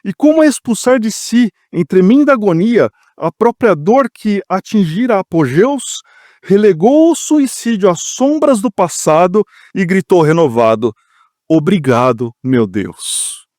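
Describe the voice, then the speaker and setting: A man's voice: sits high, sing-song, a little slow, dark tone, no room sound, clean studio sound. A man reciting a poem dramatically at a spiritist meeting. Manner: emotive, declamatory recitation. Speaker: poetry reader at a spiritist meeting.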